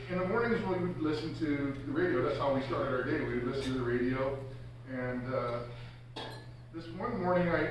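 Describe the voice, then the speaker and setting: A man giving a roast speech full of stops and restarts, telling stories about a former coworker. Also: on the high side. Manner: halting storyteller with many restarts. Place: event hall. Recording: echoey hall, far mic, background noise.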